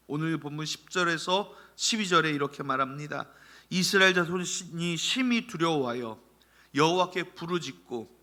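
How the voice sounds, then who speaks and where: A man preaching a Sunday sermon, swinging from loud calls down to soft, near-whispered lines. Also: on the high side. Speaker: pastor.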